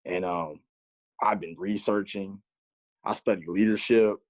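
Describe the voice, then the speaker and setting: The guest is a PE teacher in his mid-twenties who takes the interview questions calmly and thoughtfully, with easy little laughs. His low, darkish voice holds a steady tone at an unhurried pace. The sound is clean and studio-like, without echo.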